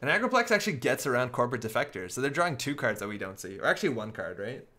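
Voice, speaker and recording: A man commentating a card game live, talking it through as he goes. His voice sits at an everyday middle pitch, and he reasons out each move in a loose, conversational way. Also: very animated, rapid-fire, sharp tone. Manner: thinks aloud, working through plays step by step.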